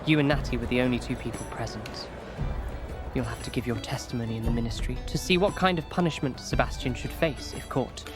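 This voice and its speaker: An actor playing an earnest, outspoken young student and protective friend in an audio drama. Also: male voice, medium pitch, a little fast, over music, lightly acted. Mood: serious.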